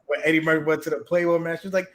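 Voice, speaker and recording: A man's voice: on the high side, steady tone, racing. A man hosting a casual live stream, chatting in a laid-back, slangy way and reading out viewer comments. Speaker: host.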